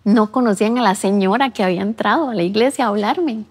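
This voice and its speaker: A woman's voice: medium pitch, fast talker, slightly rough. A woman, telling her personal faith testimony earnestly in an interview at a church. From Costa Rica. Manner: earnest storytelling, re-enacting her own past words. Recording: long reverb of a large room.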